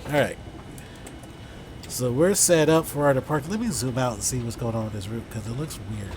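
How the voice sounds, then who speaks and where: A man's voice: mid-range voice, brisk. A man giving casual flight simulator commentary, thinking aloud through procedures and muttering short fragments to himself. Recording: clear background vehicle-like noise.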